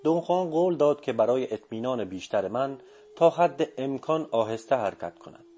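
A man narrating a story in a calm, measured reading voice. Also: mid-range voice, a little hiss or hum. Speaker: audiobook narrator. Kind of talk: scripted narration.

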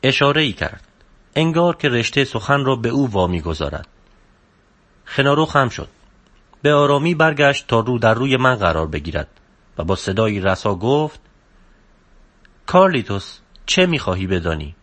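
Male narrator for a book reading, steady, subdued, mid-range pitch. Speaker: audiobook narrator.

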